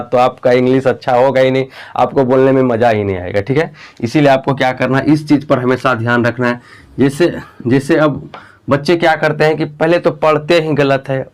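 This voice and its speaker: A young man with a Bihari Hindi accent teaching an English-speaking lesson, calling out to his dear students and repeating words slowly to model how they sound. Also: medium pitch. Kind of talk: whiteboard classroom lesson.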